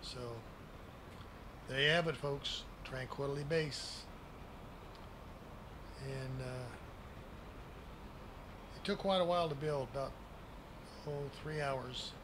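Slow-talking grandpa-like older man, noisy recording. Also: medium pitch. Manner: grandpa-like, folksy, plain-spoken. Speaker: gaming video creator giving a base tour. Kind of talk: casual unscripted game tour commentary. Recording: clearly noisy home recording.

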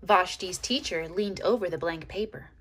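A woman reading a children's picture book aloud expressively, with dramatic pauses, as if to young listeners. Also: fairly low pitch, fairly bright tone, breathy edge.

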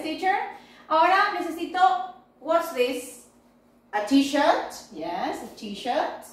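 A woman's voice: sits high, far from the mic. A woman teaching English to young children in a recorded online class, drawing out model phrases for them to repeat and answering for them herself. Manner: slow, drawn-out model phrases for repetition; answers for the unseen pupils herself. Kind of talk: online class video, mixing Spanish and English. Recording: very echoey room, voice a bit off-mic.

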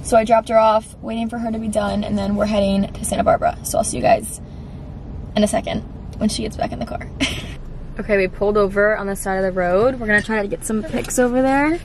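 Filmed on a handheld phone with constant background noise, this casual vlog features a young woman in her twenties talking fast in a mid-range voice. She's upbeat and chatty, with plenty of "like" and "so cute."

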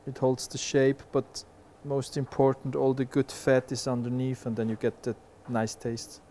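A head chef in his 40s, speaking at a medium pitch and moderate pace, explains a dish while cooking in a large restaurant kitchen. His manner is relaxed and explanatory, with lots of "uh" fillers. A lapel mic picks him up over a light background hum.

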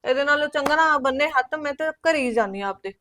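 A woman's voice: high-pitched, fast talker, bright, forceful tone, a little hiss or hum. A young woman playing a married daughter venting in exasperation in a village family drama. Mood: exasperated.

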